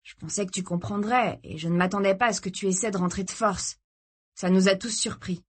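A woman voicing a calm, protective young man who speaks in a measured, placating way. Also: medium pitch, slightly rough, lightly acted.

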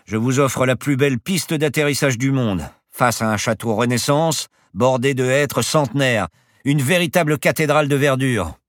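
A man's voice: medium pitch, normal speed, no room sound, clean studio sound, voice pushed up, lightly acted. A man voicing a boastful, eccentric professor who flies a plane and talks in grand, teasing phrases. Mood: calm grandiose. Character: boastful eccentric old professor pilot, playful.

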